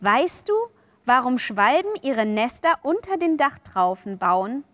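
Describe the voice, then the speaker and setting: A woman's voice: fairly high pitch, sing-song, measured pace, a bit bright, no echo. A woman voicing a cocky, sly boy who coaxes and boasts. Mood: coaxing. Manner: boastful, coaxing, offhand.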